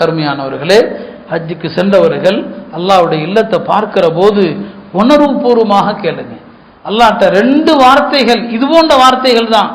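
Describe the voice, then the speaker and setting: A man with a high-pitched voice delivers an earnest sermon, leaning on repeated words to drive his points home. The sound is roomy and echoey. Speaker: Islamic preacher.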